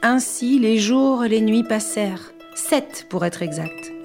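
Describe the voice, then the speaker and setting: A woman tells an old folk tale slowly and softly, sometimes dropping near a whisper. Her pitch sits in a middle range. Clear music plays beneath her narration. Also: animated. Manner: soft, hushed, dreamy storytelling. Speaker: storyteller. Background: background music.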